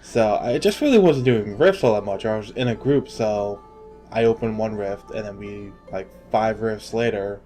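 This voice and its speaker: A man's voice: on the low side, moderate pace, dark tone, faint music behind. A man hosting a casual gaming podcast, joking around and laughing often, trailing off into fillers as he talks. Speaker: podcast host.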